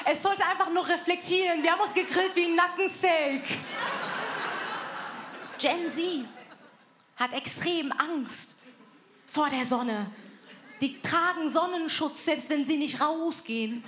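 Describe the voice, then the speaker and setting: A woman in her thirties does brash, self-mocking stand-up in a live comedy club, her very high-pitched, fairly bright voice unhurried and broken by long pauses. As host and comedian she announces acts energetically, picked up by a live stage mic with a little hiss or hum and crowd laughter.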